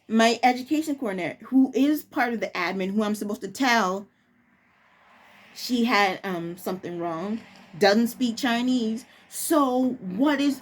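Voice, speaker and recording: Speaking a little high, a woman who teaches preschool tells a story about herself, loose and casual, stopping now and then to find her words.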